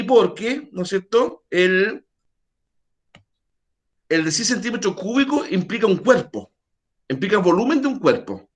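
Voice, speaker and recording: A man's voice: sits high, a bit bright. A man teaching a math class over a video call, quizzing his students and making chatty asides.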